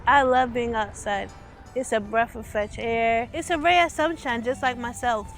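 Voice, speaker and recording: A woman's voice: on the high side, normal speed, faint music behind. Cheerful woman in her thirties being interviewed outside. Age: 30s. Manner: cheerful and upbeat, laughs easily. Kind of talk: casual interview. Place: outdoors in a small quiet town.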